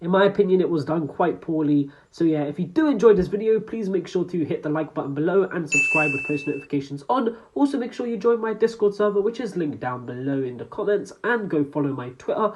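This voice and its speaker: A man with a somewhat high voice narrates a fan story in a loose, upbeat manner. He talks like a channel host chatting to his viewers, casual and unscripted in feel. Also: rough recording. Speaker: YouTube creator.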